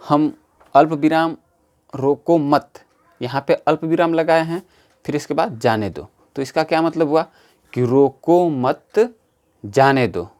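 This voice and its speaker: Slow, repetitive man teaching grammar. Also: mid-range voice, darkish tone. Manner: slow, repetitive, explaining step by step. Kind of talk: exam-prep grammar lesson.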